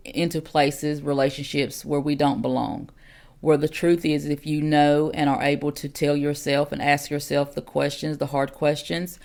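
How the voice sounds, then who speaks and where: A woman's voice: low voice, vocal fry, darkish tone. A woman in her forties, an elder of a ministry, giving a podcast teaching in an earnest, direct way, with many "um"s and repeated questions. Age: 40s.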